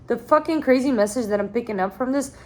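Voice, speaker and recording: A woman's voice: on the high side, fast, a little mellow. Blunt, casual young woman reading tarot. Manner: casual, blunt, swears freely, many "like" fillers. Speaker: tarot reader.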